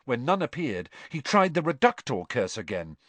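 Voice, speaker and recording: A man's voice: mid-range voice, big pitch swings, normal speed, fairly bright tone, dry recording. A man reading a story aloud as narrator, with dramatic, tense storytelling. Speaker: audiobook narrator. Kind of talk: scripted narration.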